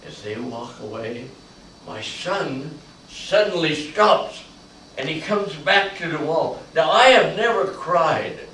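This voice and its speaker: Older man, veteran storyteller, dramatic monologue, very slow, very echoey room, faint background hum. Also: on the high side, expressive, far from the mic. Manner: slow, repetitive, swelling to loud emotional peaks. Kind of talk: dramatic spoken-word monologue. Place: large echoey college room.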